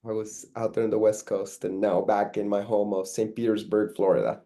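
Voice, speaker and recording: A middle-aged man from Peru, a guest artist talking casually in an interview, relaxed and rambling with many fillers and restarts. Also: lowish voice, brisk.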